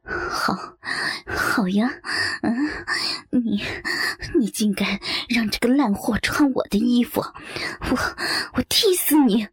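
A woman voicing a furious, jealous wife who screams insults in a shrill voice. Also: slow, breathy edge, no echo. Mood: enraged screaming.

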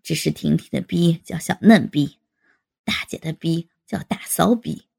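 A woman voicing a crude, boastful younger man in an adult audio story, with a husky low voice. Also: a little slow, a little mellow, exaggerated voice.

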